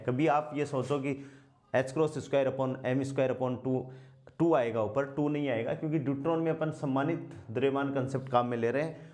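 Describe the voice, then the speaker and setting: A man teaching a physics class, asking rhetorical questions and answering them himself, and slowing down to dictate while he writes. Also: medium pitch, a little mellow. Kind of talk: blackboard lecture.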